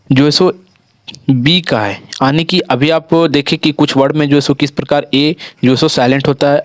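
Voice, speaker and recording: धीमे-धीमे अक्षर बोलकर पढ़ाने वाला शिक्षक. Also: male voice, fairly high pitch, dry recording, clean studio sound. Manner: slow, repeats "theek hai", spells words letter by letter. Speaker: English teacher. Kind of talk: classroom lesson.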